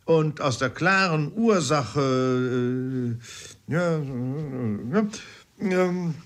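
A man's voice: medium pitch, extremely slow, voice pushed up. A man reading an audiobook, voicing a pompous, learned older father who lectures emphatically. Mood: lecturing.

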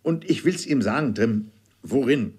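A man reading the part of a kindhearted retired old army captain who speaks softly and grows insistent. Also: medium pitch, lively intonation, a little slow, husky. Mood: gentle.

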